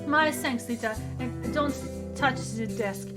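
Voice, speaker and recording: A woman's voice: sits high, slow pace. A woman voicing a suave male French bird student in a put-on, overdone French accent, with music playing behind.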